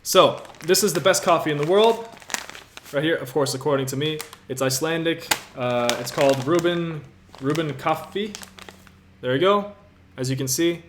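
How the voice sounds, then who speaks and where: A man in his twenties from Latvia hosts a relaxed livestream Q&A, answering viewer questions upbeat and motivationally while talking directly to them. He speaks at normal speed in a fairly bright voice on the high side, from an apartment room with a city view, with slight background noise.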